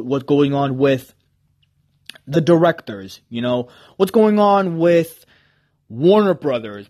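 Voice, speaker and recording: Rambling, excitable young podcast host. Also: male voice, on the high side. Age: 20s. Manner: enthusiastic, rambling, self-deprecating. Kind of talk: casual solo podcast talk.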